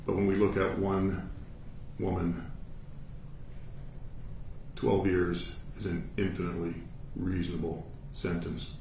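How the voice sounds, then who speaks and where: A man with an American accent speaking as a judge, giving a formal sentencing statement in a measured, matter-of-fact, authoritative way. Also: deep voice, little pitch movement, vocal fry, darkish tone. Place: courtroom. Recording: echoey room, distant mic, faint noise.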